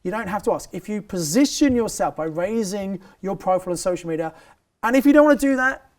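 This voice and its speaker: A man's voice: high-pitched, expressive, quick pace. A man hosting a property training interview, emphatic and repeating his key phrases as he coaches the audience.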